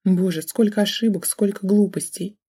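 A woman's voice: medium pitch, steady tone, normal speed, warm tone, husky. A woman reading an audiobook in the first person, telling the story with feeling. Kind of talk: audiobook narration.

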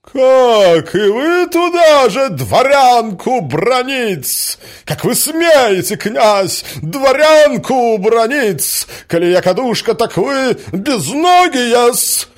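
A man voicing a shrill, quarrelsome provincial lady who squeals indignant insults and adds a fawning "-s" to her words. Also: big pitch swings, very slow, full character voice. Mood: shrieking.

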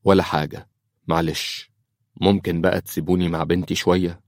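A man's voice: deep voice, level tone, brisk, no room sound, clean studio sound, close to an everyday voice. A man with an Egyptian accent playing a troubled, secretive middle-aged priest who speaks hesitantly. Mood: uneasy.

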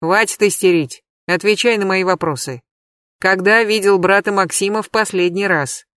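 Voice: mid-range voice, normal speed, fairly bright tone, smooth, no echo, close to an everyday voice. A reader doing a curt, sarcastic police colonel. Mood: stern. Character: stern mocking male police colonel. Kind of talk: audiobook character reading.

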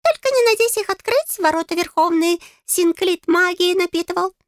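A woman voicing a tiny male fairy in an audiobook, squeaky, pompous and greedy, with a bossy, indignant manner. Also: moderate pace, no room sound, studio quality. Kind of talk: audiobook character voice.

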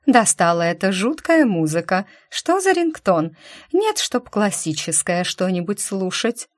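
A woman's voice: mid-range voice, sing-song, a little slow. A woman voicing a sarcastic, grumbling middle-aged woman nicknamed the witch. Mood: sarcastic, grumpy.

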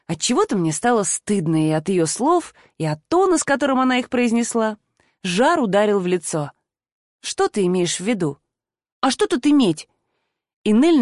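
A woman narrating a first-person audiobook in an expressive voice, acting out the dialogue. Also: medium pitch, dry recording, clean studio sound.

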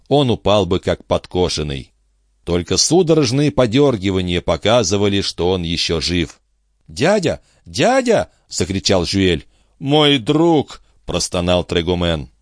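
A man narrating an adventure novel in a steady, expressive reading style. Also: low-pitched, normal speed, dry recording, studio quality. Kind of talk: audiobook narration.

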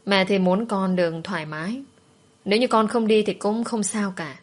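A woman voicing an ill, tired mother who speaks in a gentle, resigned way. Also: mid-range voice, moderate pace, lightly acted. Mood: weary.

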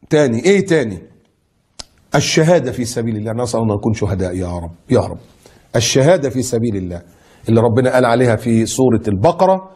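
A middle-aged man with an Egyptian Arabic accent giving a colloquial sermon, animated and mocking imagined critics, with sudden swings in pitch and pace. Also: husky. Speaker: preacher.

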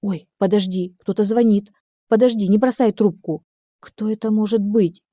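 A woman's voice: medium pitch, steady tone, normal speed, dark tone, dry recording, natural voice. A woman reading the part of a frantic, furious young woman on the phone, pleading and hysterical.

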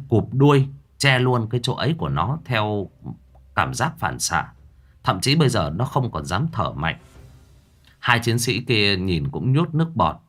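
A man's voice: lowish voice, fairly bright tone. A man narrating a ghost story audiobook in a dramatic way.

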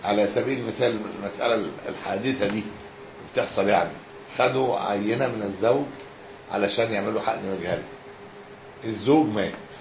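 A man with an Egyptian accent teaching a religious lesson as a sheikh, explaining and briskly answering students' questions. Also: on the low side. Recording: echoey hall with background noise.

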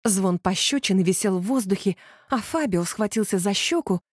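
A woman reading a novel aloud as a first-person narrator, in an even, wry storytelling manner. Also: medium pitch, normal speed, slightly rough, no room sound, studio quality. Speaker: audiobook narrator.

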